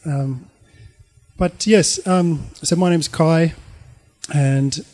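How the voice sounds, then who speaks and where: A middle-aged Australian man with a fairly high voice and a darkish tone tells a personal story. His delivery is casual and reflective with fairly even intonation, and he often halts while hunting for the next phrase.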